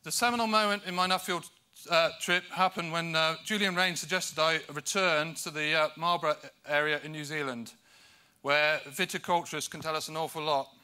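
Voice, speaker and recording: Sharp-voiced British conference speaker. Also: male voice, a little high, fairly even intonation, moderate pace, clear, resonant tone. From United Kingdom. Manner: dry, self-deprecating humour; hesitant fillers between points. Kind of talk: conference presentation.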